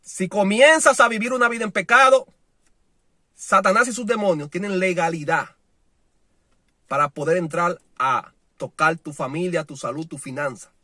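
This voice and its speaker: A man preaching a sermon with passion, moving between loud declarations and soft, low lines, and acting out the voices of people he quotes. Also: moderate pace, dry recording, studio quality.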